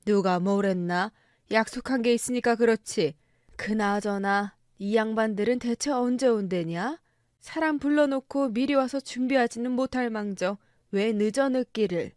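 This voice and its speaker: A woman's voice: a little high, normal speed, clean tone, no room sound, clean studio sound, natural voice. A woman doing a drunk, bullying husband. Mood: scornful. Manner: harsh, shouting, scornful. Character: drunk, violent middle-aged husband, bitter and bullying. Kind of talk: story radio drama reading.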